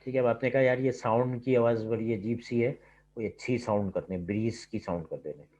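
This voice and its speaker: A man teaching a computing lab on a video call, with a delivery that leans toward words. His voice sits at an ordinary mid pitch and goes through each step patiently, with a steady "okay" between points. The computer mic sounds slightly dull and muffled. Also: a little fast, slight background noise. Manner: explains step by step, says "ठीक है" constantly. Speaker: lab instructor. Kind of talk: online lab lecture. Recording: slightly dull online class audio.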